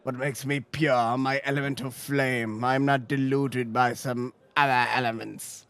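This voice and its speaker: A man's voice: medium pitch, little pitch movement, a little slow, a bit bright, clean tone. A man acting as game master, speaking for characters in a tabletop role-playing game.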